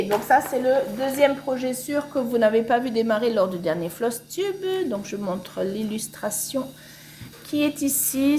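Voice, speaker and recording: Chatty higher-pitched woman, home vlog. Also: a little mellow, slight background noise. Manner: chatty, rambling, many hesitations. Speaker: cross-stitch vlogger. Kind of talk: casual show-and-tell chat. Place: home, washing machine spinning nearby.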